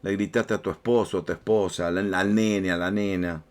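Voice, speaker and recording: Low-voiced Rioplatense pastor preaching. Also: male voice, steady tone, normal speed, a little mellow. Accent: Rioplatense Spanish. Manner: conversational, repeats words, speaks directly to listeners. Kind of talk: sermon.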